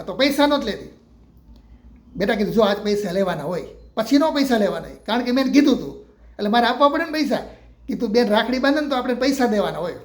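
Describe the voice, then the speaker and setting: An older man from Gujarat, India, a retired teacher with a Gujarati accent and a high voice, tells a true story from his classroom as a storytelling monologue. His manner is homely and affectionate, and he acts out the children's lines.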